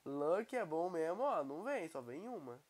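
A young man with a Brazilian Portuguese accent, commenting casually and excitably on his gameplay while he has a cold. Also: a little high, moderate pace. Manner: excitable, exclaiming at the screen. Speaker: gaming YouTuber.

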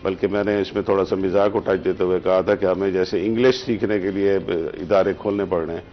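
A man, an author, speaking in a measured, formal literary way with frequent halting restarts on a TV talk show. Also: deep voice, steady tone, muffled recording, slight background noise. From Pakistan. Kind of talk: conversational interview.

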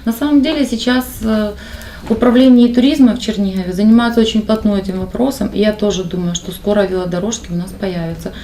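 A woman representing a party, answering press questions in a steady, explanatory way with some hesitations. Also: medium pitch, quick pace. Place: indoor press conference room. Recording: echoey room from far off, faint noise.

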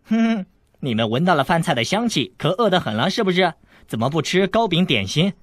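A man voicing a cheeky, scheming teenage boy eunuch who teases and boasts, in a lively, raised voice. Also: a little high, a little fast, dry recording, pitched above the performer's own voice. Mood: teasing. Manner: teasing, boastful, playful.

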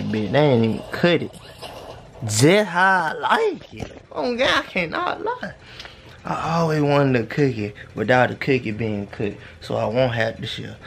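A man's voice: medium pitch, gravelly, a little hiss or hum. A young man vlogging casually to a handheld camera, joking and swearing in and out of doors. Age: young adult. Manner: joking, profane, talks to camera and to his dog. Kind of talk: casual vlog chat. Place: backyard and a small shed room, in and out of doors. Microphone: handheld camera at arm's length.

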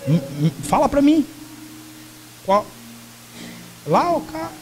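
A man's voice: very high voice, very animated, slow pace, a little mellow, slight background noise, low-quality recording. A man preaching and prophesying at a church service, urgent and commanding as he directs people. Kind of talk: charismatic church ministry. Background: music playing.

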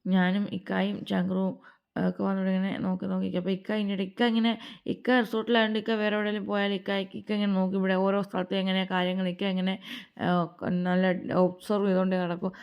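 Chatty, gravelly-voiced young woman. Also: medium pitch, completely flat delivery, very fast. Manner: rambling, chatty storytelling. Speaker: family vlogger. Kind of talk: casual voice-over narration. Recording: slightly dull lo-fi recording.

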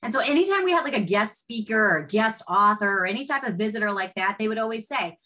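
A woman's voice: mid-range voice, expressive, fast, sharp tone, low-quality recording. A woman giving a webinar presentation as a teacher, telling stories in a chatty, enthusiastic way.

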